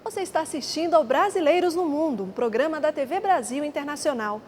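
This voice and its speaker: Higher-voiced woman TV host. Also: animated, quick pace, music in the background. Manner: clear presenter delivery. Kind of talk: studio interview hosting.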